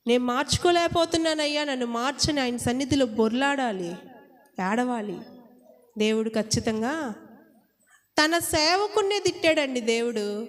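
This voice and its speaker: A woman with a high voice preaches an impassioned sermon, throwing question after question at her listeners. Her voice rings out with a long reverb, as if she is speaking in a large hall. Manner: impassioned, asks the congregation many rhetorical questions.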